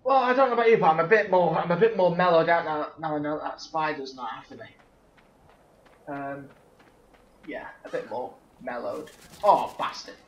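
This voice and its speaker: A let's-play gamer commentates his gameplay, jumpy and swearing, exclaiming at every scare. His voice is on the high side at a normal speed, and the recording is echoey, slightly dull, with faint noise.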